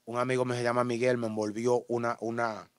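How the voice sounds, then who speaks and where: A man with a Dominican accent giving an interview testimony in street slang, acting out shouts and gunshots as he tells it. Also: mid-range voice, quick pace, clean tone, no room sound. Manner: animated, acts out shouts and gunshots.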